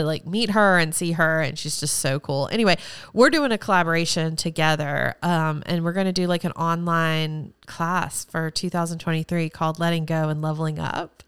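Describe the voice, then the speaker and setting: A woman's voice: lowish voice, clean tone, dry recording, studio quality. A woman hosting her own podcast, talking alone in an effusive, rambling and emotional way. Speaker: podcast host; former teacher. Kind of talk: solo podcast monologue.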